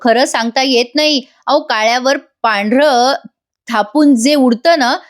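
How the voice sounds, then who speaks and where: A woman's voice: sits high, measured pace. A woman voicing a prying male reporter who asks insinuating, scornful questions. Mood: mocking. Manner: insinuating, mocking.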